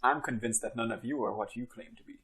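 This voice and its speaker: A man's voice: mid-range voice, fast, a bit bright, pitched below the performer's own voice, close to an everyday voice. A man role-playing a haughty, suspicious wizard who hunts trophies, speaking in a grand, condescending way at a tabletop game. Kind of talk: tabletop role-play acting.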